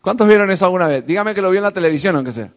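A male preacher with a high voice gives an emphatic, theatrical sermon. He mimics sounds to act out his stories for the congregation. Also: animated, racing.

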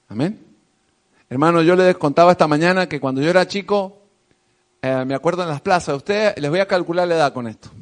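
A man preaching a sermon in an emphatic, theatrical way, mimicking sounds as he tells stories. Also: sits high.

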